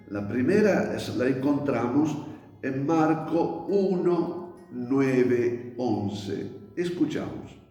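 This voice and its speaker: A man slowly teaching a Bible lesson in a reflective way, with many restarts and pauses. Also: medium pitch, dark tone. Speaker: priest teaching a Bible study. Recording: echoey hall with faint music.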